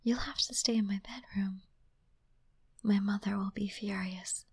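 A woman voicing a gentle, caring young princess and future queen, speaking in a slow, soothing whisper close to the microphone. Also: mid-range voice, fairly even intonation, breathy edge, no room sound. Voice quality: soft unvoiced whisper. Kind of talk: whispered ASMR roleplay.

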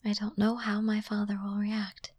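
A woman voicing a gentle, caring young princess and future queen, speaking in a slow, soothing whisper close to the microphone. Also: mid-range voice, flat delivery, no echo, highs cut off, close to an everyday voice. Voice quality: soft unvoiced whisper. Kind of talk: whispered ASMR roleplay.

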